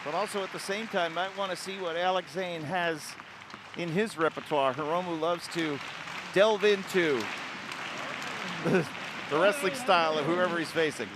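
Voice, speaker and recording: A man with a notably high voice gives live play-by-play on a wrestling match, jumping on each move with excitable calls. His commentary sits on top of a loud roaring arena crowd and heavy background noise. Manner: excitable, quick calls of the action.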